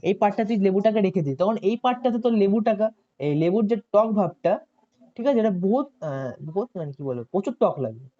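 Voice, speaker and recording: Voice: medium pitch, expressive, fast talker. A tutor giving a chatty online coaching lesson, often asking students questions and checking if they follow. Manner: chatty, asks students questions and repeats "ঠিক আছে". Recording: dull lo-fi audio.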